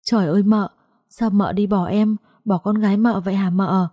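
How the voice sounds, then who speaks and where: A woman's voice: medium pitch, steady tone, moderate pace, mellow, no room sound, studio quality, natural voice. A woman voicing a frightened young woman who asks trembling, broken questions. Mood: shaken, tearful.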